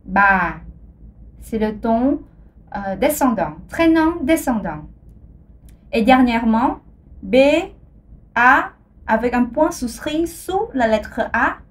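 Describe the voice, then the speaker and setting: Slow, deliberate woman teaching a lesson. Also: fairly high pitch, lively intonation. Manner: slow, deliberate, repeats each example. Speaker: language teacher. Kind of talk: scripted language lesson.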